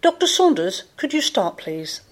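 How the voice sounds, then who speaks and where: Woman acting as formal lady debate host, scripted intro, highish voice that moves around a lot. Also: sing-song, moderate pace. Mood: formal, polite. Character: formal female studio debate moderator.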